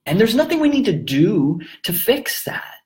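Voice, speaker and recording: Gentle laughing man teaching. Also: sits high, big pitch swings, moderate pace. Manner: gentle, often breaks into laughter. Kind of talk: calm explanatory teaching to camera.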